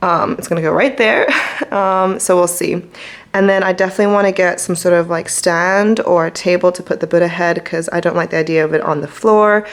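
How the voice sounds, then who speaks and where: A woman giving a casual vlog tour of her flat on a handheld camera, chatty and rambling with many fillers. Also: lowish voice, a little fast. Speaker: vlogger. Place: flat, indoors. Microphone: handheld vlogging camera.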